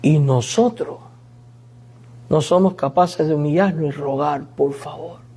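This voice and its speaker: A man's voice: on the high side, a little slow, dark tone, a little hiss or hum. A male pastor preaching a sermon, telling a family story and acting out the pleas he quotes.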